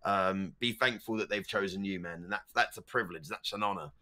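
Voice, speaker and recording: A low-pitched man talks a little fast while casually chatting on a podcast where he's a streamer guest. He stutters, and occasionally he switches into loud meme voices.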